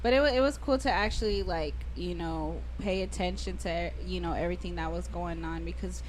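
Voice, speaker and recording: A woman's voice: on the low side, fairly quick, a little hiss or hum. A young woman chatting casually on a podcast, telling a story with emphatic energy. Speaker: podcast co-host. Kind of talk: casual chat.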